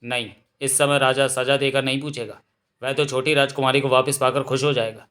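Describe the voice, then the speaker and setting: A man voicing a calm, assured bandit who gives orders in a storybook reading. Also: mid-range voice, brisk, lightly acted. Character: calm commanding royal bandit, adult man.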